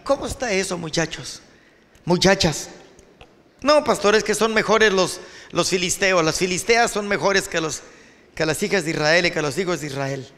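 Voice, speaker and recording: Animated Mexican preacher in a reverberant hall. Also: male voice, high voice, normal speed. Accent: Mexican Spanish. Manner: animated, addresses students directly. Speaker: pastor. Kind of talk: sermon.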